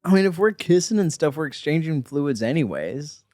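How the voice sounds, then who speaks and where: A man's voice: a little high, very animated, normal speed, a little mellow. A man co-hosting a podcast in casual chat, laid-back and rambling as he tells stories. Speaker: podcast co-host.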